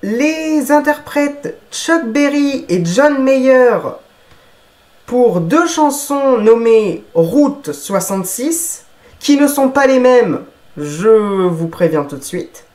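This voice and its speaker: A man's voice: extremely high pitch, lively intonation, takes it slowly, darkish tone. A man presenting a film review from a script, reading carefully and correcting himself now and then. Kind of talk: scripted narration.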